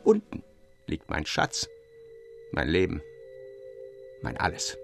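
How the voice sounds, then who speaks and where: A man's voice: on the low side, animated, moderate pace, creaky, soft background music. A man voicing a desperate young male miner who cries out in despair, in a radio story reading. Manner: crying out in despair.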